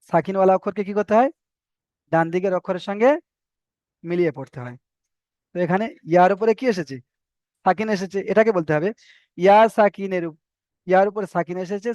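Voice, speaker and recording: A man's voice: high voice, a little mellow, dry recording. A man teaching a Quran recitation class, repeating letters and rules again and again for students to memorize. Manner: repetitive, drills letters and rules aloud. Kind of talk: online tajweed lesson. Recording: dry, dull lo-fi sound.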